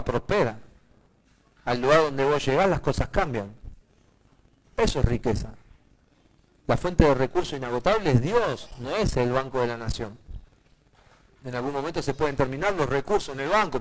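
A male pastor with a Rioplatense accent preaching a sermon, swinging from hushed asides to loud, emphatic declarations. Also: on the high side, poor audio. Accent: Rioplatense Spanish.

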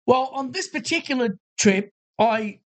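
A man's voice: very high-pitched, expressive, unhurried. A man in his late sixties with a broad Australian accent, chatting casually and telling anecdotes in a blokey, joking, slangy way. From Australia, Adelaide. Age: late 60s. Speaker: featured guest on a talk show.

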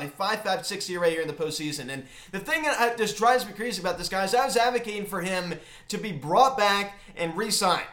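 A man hosting a casual sports recap, talking in a halting, emphatic fan's manner, recorded in an empty closet. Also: high-pitched, fairly bright tone. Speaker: sports recap video host. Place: empty unfurnished closet in a home. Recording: echoey small bare room.

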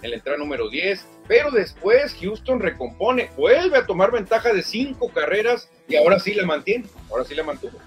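A man talks baseball on the radio in a chatty, emphatic way, his voice sitting a bit high. Faint music plays under the radio broadcast. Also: sing-song, brisk, few pauses. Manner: chatty, emphatic, tags lines with "¿eh?". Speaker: baseball commentator. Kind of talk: casual radio sports talk.

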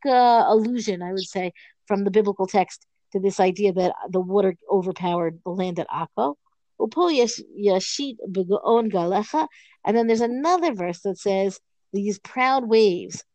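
A woman teaching a page of Talmud in a relaxed, conversational way, thinking aloud and often checking in with "right?". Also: medium pitch, no room sound. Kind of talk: informal Talmud lesson.

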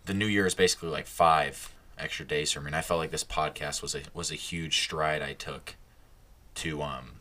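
A young man talks through a casual solo podcast. His voice sits low but has a bright edge. He rambles, restarts his sentences and laughs at his own slips. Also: fairly even intonation, moderate pace. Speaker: podcast host.

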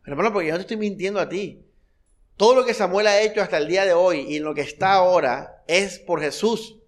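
A male pastor preaches fervently in a church hall, his voice slightly high for a man and his pace a little fast. He bombards the congregation with rhetorical questions and repeated phrases, sinking soft and low before surging into loud, high bursts.

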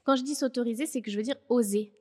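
A woman hosting a podcast, talking in a lively, animated way and laughing easily. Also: fairly high pitch, quick pace, in a large hall. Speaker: podcast host. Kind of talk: casual conversation.

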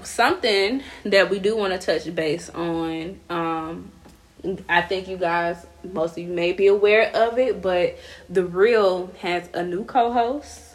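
A woman's voice: lowish voice, slow pace. Laid-back woman with a slight lisp. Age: 20s. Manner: laid-back, laughs often. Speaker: podcast co-host. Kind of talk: casual chat.

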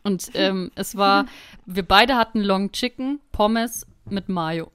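A woman's voice: medium pitch, slow pace, a bit bright, clean tone. A young woman, telling a story in casual podcast chat and laughing often. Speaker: podcast co-host.

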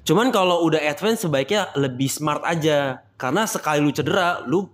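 A man's voice: fairly high pitch, brisk, a bit bright. Casual man explaining training. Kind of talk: casual podcast discussion.

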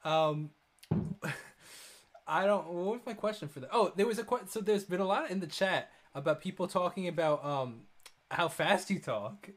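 This man is hosting a casual interview in a slightly high, easygoing voice. He chuckles often and sometimes stumbles a little as he frames his questions. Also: lively intonation. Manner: laid-back, chuckling, halting questions. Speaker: interview host.

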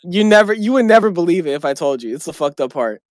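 Animated young man telling stories. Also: fairly high pitch, fast talker, dry recording, studio quality. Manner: animated storytelling, swears freely, laughs a lot. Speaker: podcast co-host. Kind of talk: casual chat.

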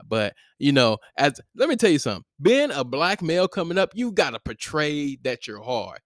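A man's voice: on the high side, sing-song, moderate pace, no room sound. Casual young male podcast co-host, laid-back slangy storyteller, dry close mic. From St. Louis area.

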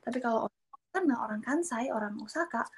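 A woman speaking as a guest in a casual chat about learning Japanese, animated and acting out what other people say. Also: on the high side, quick pace, slightly rough. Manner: animated, acts out quoted speakers.

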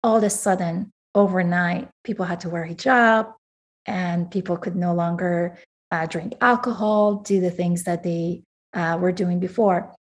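A woman's voice: on the low side, steady tone, measured pace. Earnest woman guest from Iran. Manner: earnest, candid, self-correcting. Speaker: author guest. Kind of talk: interview conversation.

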